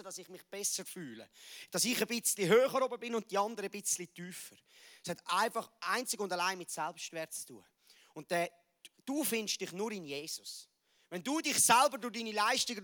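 A man with a Swiss German accent preaching a sermon, lively and emphatic, rising loud and dropping quiet. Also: high voice.

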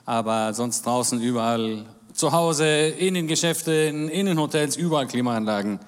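A man's voice: mid-range voice, normal speed. A man in his forties, born in Germany, giving a church talk as a guest speaker in a jovial manner with jokes and amens. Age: 40s. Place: large church hall. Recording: reverberant church hall.

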